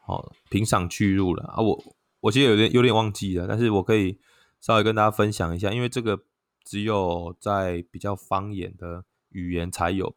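A man's voice: sits low, no room sound, clean studio sound. A man with a Taiwanese Mandarin accent who gives a casual, chatty explanation, filling his talk with "oh" and chanting sounds aloud as examples. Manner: chatty, sprinkles "oh" fillers, chants tones aloud. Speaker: vlogger.

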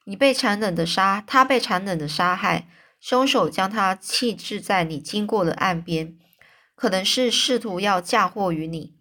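A woman voicing a kind, earnest middle-aged male magistrate in a storybook reading, speaking in a gentle, measured way. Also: medium pitch.

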